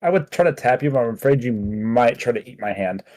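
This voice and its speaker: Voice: medium pitch, animated, brisk, darkish tone, dry recording. A player speaking in character in a tabletop game, curious and wry. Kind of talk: in-character tabletop role-play.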